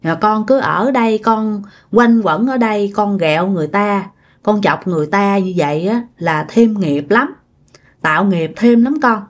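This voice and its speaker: A woman voicing a calm old male Buddhist monk who slowly and gently admonishes a spirit. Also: mid-range voice, lightly acted. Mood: admonishing.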